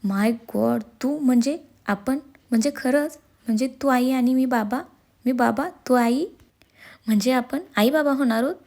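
A woman voicing a quick-tempered, teasing young husband in a storybook reading, asking hurried, raised questions. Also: a little high, mellow, natural voice. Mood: overjoyed.

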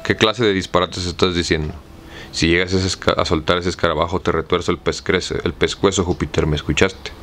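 An obsessed, excitable gentleman, read by a man with a Mexican accent in a deep, level voice. Each line is read slow and plain. A faint hiss hangs under it. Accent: Mexican Spanish.

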